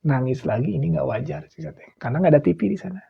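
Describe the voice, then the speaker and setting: A man's voice: on the high side, very fast, vocal fry, slightly rough. A middle-aged man from West Java with a Sundanese accent, telling an eerie story in a casual chat, acting out what people said and sometimes dropping to a near whisper. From West Java, Indonesia. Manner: animated, acts out quotes, drops to near whispers. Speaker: guest storyteller. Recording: dull lo-fi sound.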